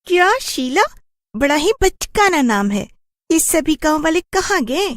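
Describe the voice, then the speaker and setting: This cranky village witch from a horror cartoon scolds with indignation and fiercely guards her territory. Her very high voice swings widely in pitch, and she takes her time.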